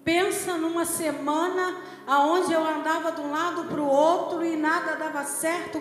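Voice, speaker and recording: High-voiced Brazilian woman pastor preaching. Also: fairly bright tone. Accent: Brazilian Portuguese. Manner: conversational, keeps checking in with the congregation. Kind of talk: sermon. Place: church hall. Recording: echoey church hall with music. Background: music.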